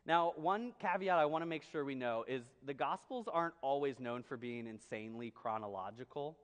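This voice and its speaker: A man's voice: medium pitch, lively intonation, moderate pace. A man preaching a sermon to his congregation, reading scripture and asking them questions in a casual, conversational way. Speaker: pastor. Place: church sanctuary. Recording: long hall reverb.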